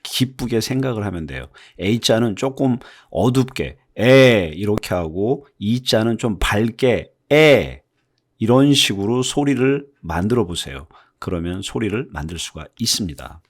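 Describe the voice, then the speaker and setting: A man's voice: lowish voice, animated, measured pace, hardly any pauses, husky. A man whose first language is Korean, teaching English phonics in a video lesson, patiently explaining and repeating example words to demonstrate the vowel sounds.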